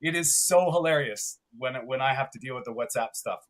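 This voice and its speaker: A man's voice: medium pitch, fairly quick, a bit bright. A man from Canada co-hosting a live podcast, chatty and upbeat, often laughing as he rambles. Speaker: podcast co-host.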